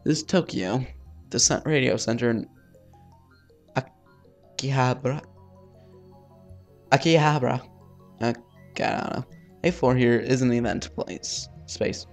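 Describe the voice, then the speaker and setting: A let's play host with a mid-range, creaky voice reads a visual novel aloud at a measured pace, leaving long pauses while music plays behind him. It's a casual read-through with asides, and he stumbles over names and swears offhandedly.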